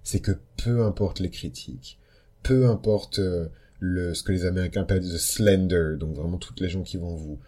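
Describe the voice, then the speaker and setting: A man's voice: low-pitched, steady tone, moderate pace, mellow. A young man hosting an astrology podcast, talking casually with many fillers and self-corrections. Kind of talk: casual solo podcast talk.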